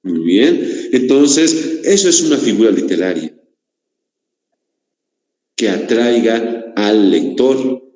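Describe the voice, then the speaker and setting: A man's voice: fairly low pitch, expressive, slow pace, long pauses, a little mellow. A male teacher giving a class lecture, often asking his students rhetorical questions, with a Bolivian Spanish accent. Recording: echoey room, long reverb.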